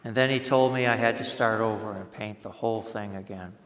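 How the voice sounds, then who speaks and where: A man preaching a sermon, telling a story in a plain-spoken way and slowing down to stress words. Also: lowish voice, steady tone, a bit bright, slight background noise. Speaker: pastor. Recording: echoey hall.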